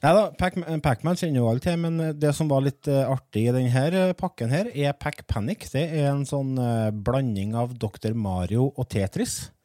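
A man's voice: medium pitch, few pauses, dark tone, no room sound, clean studio sound. A man of forty presenting a podcast in a casual, chatty style. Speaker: podcast host.

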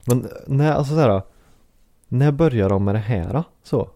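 Joking Swedish man with a dark voice. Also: medium pitch, no room sound, clean studio sound. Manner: animated and joking, with frequent restarts. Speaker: podcast co-host. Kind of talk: casual chat.

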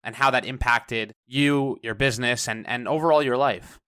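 Male host, mid pitch, smooth resonant voice, friendly curious interviewer, dry studio. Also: normal speed, fairly bright tone, dry recording. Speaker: podcast host. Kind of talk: conversational interview questions.

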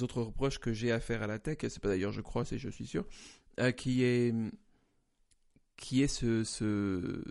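A man with a gravelly, broken, slightly wheezy hoarse voice, talking conversationally and haltingly as he searches for words. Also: medium pitch, a little mellow. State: hoarse for a few days. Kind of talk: conversational opinion discussion.

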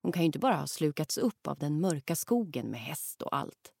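A woman narrating a children's audiobook, reading lively and acting out the lines. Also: low voice, creaky, dry recording, clean studio sound. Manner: lively, acts out the characters' lines.

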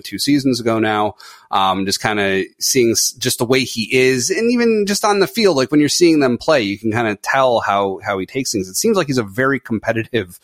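A man's voice: mid-range voice, no room sound, clean studio sound. A man co-hosting a casual podcast, thinking aloud in an easygoing way. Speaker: podcast co-host. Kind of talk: casual chat.

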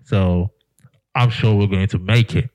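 A man putting on the voice of a calm airline pilot making cabin announcements, slow and deliberate. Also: lowish voice, dry recording, highs cut off, voice pushed down, lightly acted. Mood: mock-formal.

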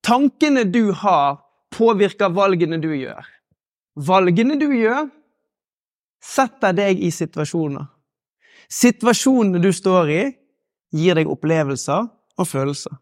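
High-voiced man giving a motivational talk. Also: expressive, dry recording, clean studio sound. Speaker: motivational speaker. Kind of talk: live motivational talk with guided exercise.

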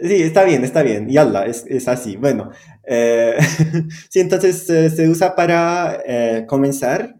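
A man's voice: a little high, lively intonation, slow pace, dark tone, echoey room. A man whose first language is Arabic, speaking Spanish as a guest teacher, hesitant with many fillers and frequent laughs. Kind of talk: conversational interview.

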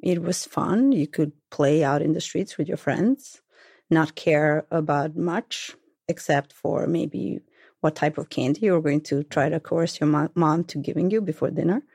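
A guest from Serbia talks frankly and wryly in a relaxed interview, with a gravelly edge. The tone is mellow and dark, recorded dry and close. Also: mid-range voice, measured pace, dry recording. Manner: frank and wry, with light laughter. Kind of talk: casual interview conversation.

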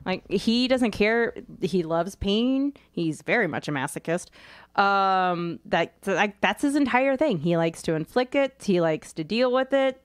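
A woman's voice: medium pitch, lively intonation, smooth, no room sound. A woman co-hosting a casual chat, arguing her picks with strong opinions. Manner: opinionated, quick to argue. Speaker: co-host. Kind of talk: casual chat about fictional matchups.

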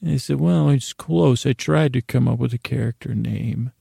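Halting and whimsical, a middle-aged bedtime podcast host rambles through an improvised monologue for his listeners, frequently losing his thread and trailing off mid-thought. His mid-range voice is creaky, gravelly and mellow, captured in a dry, studio-quality recording.

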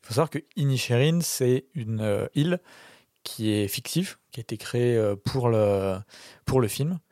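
A man's voice: medium pitch, expressive, normal speed, darkish tone, no room sound, clean studio sound. A man defending his film pick on a podcast, talking with lots of hesitations and restarts. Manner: hesitant, many fillers and restarts. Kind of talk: casual film podcast chat.

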